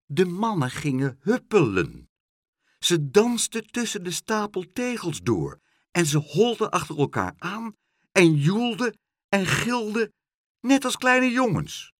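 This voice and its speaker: A man's voice: sits high, slow, no room sound, clean studio sound. A man reading a children's storybook aloud, narrating playfully. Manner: lively character voices, playful.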